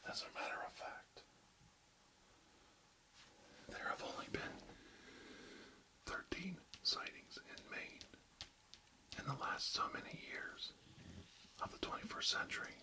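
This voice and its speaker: A man hosting ASMR in a very close, breathy whisper with deliberate phrasing into a binaural microphone. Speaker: ASMR host.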